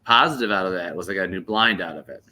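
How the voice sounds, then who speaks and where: Lively deep-voiced man telling stories. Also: fast talker. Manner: animated, laughing storyteller. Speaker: podcast host. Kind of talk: casual storytelling.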